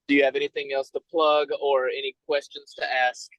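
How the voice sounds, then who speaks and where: A man's voice: mid-range voice, flat delivery, a little fast, fairly bright tone, dry recording, rough recording. A man with a Southern American accent, a guest on a podcast, joking in a laid-back way and laughing often, calling in from inside an RV. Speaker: guest musician. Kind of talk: casual podcast chat. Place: inside a noisy RV.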